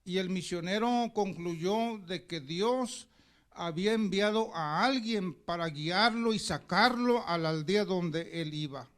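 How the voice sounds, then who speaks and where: A man's voice: high voice, takes it slowly, fairly bright tone. A pastor preaching a sermon, telling a story and calling the congregation brothers as he goes.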